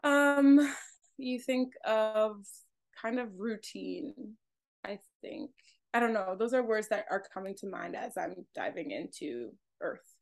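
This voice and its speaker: A woman's voice: medium pitch, lively intonation, slow pace, creaky. A young adult woman co-hosting a podcast, sharing thoughts in a casual, hesitant way as she searches for words. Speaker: podcast co-host. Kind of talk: casual reflective chat.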